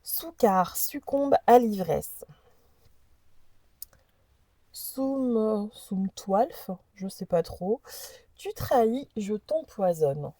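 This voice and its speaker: A woman hosting an oracle deck reads the card messages aloud in a casual, chatty way, her mellow voice sitting on the high side with no echo. She speaks slowly and hesitantly, stumbling over unfamiliar names.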